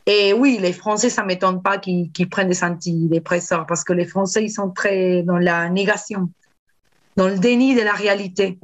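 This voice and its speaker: A woman novelist talking in a casual interview, animated and digressive, with frequent restarts and fillers. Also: mid-range voice, moderate pace. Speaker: novelist guest.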